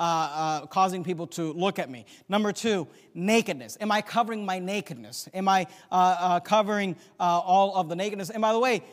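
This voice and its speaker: A man with a notably high voice preaches from the pulpit, pressing his points with force and then easing off into quiet asides. He recites scripture in old-fashioned biblical wording. His voice rolls out into a long, reverberant church hall. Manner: emphatic preaching, swinging between loud declarations and quiet asides. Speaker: pastor. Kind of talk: sermon. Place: church sanctuary.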